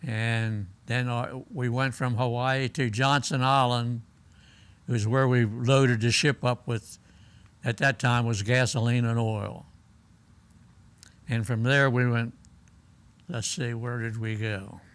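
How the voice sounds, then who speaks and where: An elderly American man, a war veteran, remembering his service in halting, plain-spoken stories as he is interviewed. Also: medium pitch, a bit bright, clean tone. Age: elderly, 80s or older. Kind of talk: unscripted oral-history reminiscence.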